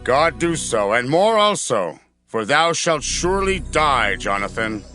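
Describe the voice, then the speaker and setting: A man's voice: mid-range voice, big pitch swings, measured pace, pushed and bright. A man playing a commanding, zealous warrior king of ancient Israel in dramatized scripture, declaiming solemnly. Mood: stern, solemn. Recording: music behind the voice.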